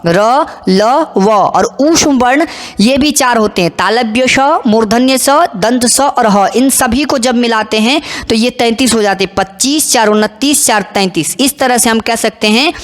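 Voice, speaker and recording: A woman teacher explaining a language lesson step by step, slowing to recite example phrases with care. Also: on the high side. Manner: slow, deliberate recitation of Sanskrit examples. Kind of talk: explanatory lesson on Sanskrit letters. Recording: long hall reverb.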